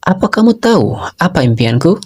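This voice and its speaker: A man's voice: high-pitched, sing-song, brisk, darkish tone, husky, pitched above the performer's own voice, exaggerated voice. A man voicing a lazy, joking young nobleman who likes women, in a casual storytelling recap. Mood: teasing. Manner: teasing, exclaiming.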